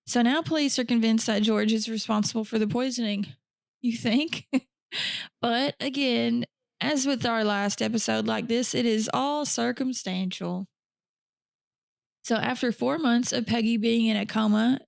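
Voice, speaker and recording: A woman's voice: a little high, gravelly, no room sound. A woman podcast host telling a true crime story in a casual, chatty way, with blunt profane asides.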